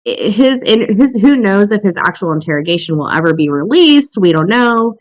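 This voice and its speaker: A woman hosting a casual true crime podcast chat, blunt and quick to swear. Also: medium pitch, sing-song, no room sound, highs cut off. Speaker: podcast host.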